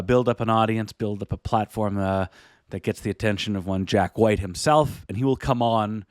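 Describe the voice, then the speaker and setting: A man hosting a podcast, talking in a relaxed, chatty way with many fillers. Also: lowish voice, no room sound, clean studio sound. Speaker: podcast host. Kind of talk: casual solo podcast intro.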